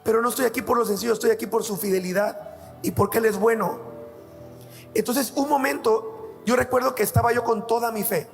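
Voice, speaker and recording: A man's voice: extremely high pitch, steady tone, a little fast, vocal fry, faint music behind. A man, a pastor preaching a sermon and telling personal stories in an earnest way. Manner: earnest storytelling, addresses listeners as "amado".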